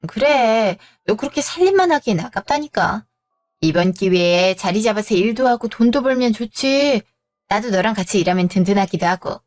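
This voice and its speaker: A woman's voice: mid-range voice, animated, moderate pace, faint music behind, natural voice. A woman voicing an upbeat, encouraging friend who runs an academy, in a scripted audio drama.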